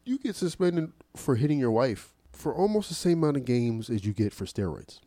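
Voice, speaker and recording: A man co-hosting a casual talk show, telling stories in an animated, profane way with restarts. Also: mid-range voice, a little fast, no echo. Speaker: podcast co-host. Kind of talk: casual chat.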